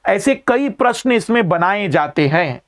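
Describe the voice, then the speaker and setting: A man lectures students in a live online class, his voice sitting a little high. He explains patiently, stresses each key term and often says it twice. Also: animated, measured pace. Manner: explanatory, emphatic, repeats key terms. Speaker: teacher.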